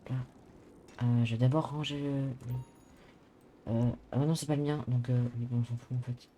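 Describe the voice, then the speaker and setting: A man acts out a worried, mild-mannered Englishman in an online game. His French is simple, halting and a little broken, with an English accent. The voice is mellow and relaxed in tone, over faint background ambience. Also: medium pitch, slight background noise, lightly acted. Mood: plaintive, chatty. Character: mild, worried, clumsy Englishman living in a city, speaking some French. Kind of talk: improvised online role-play.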